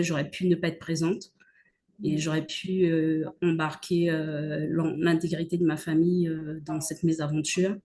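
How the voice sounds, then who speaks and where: A woman from French Guiana giving a measured, hesitant personal testimony over a video call. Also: deep voice, darkish tone. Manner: measured, hesitant, many pauses. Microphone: video call microphone.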